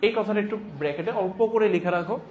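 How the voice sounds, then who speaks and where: A man giving a classroom lecture as a teacher, repeating phrases deliberately for dictation and prompting students with emphatic questions. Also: high voice, muffled recording, a little hiss or hum. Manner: repeats phrases slowly and deliberately for note-taking.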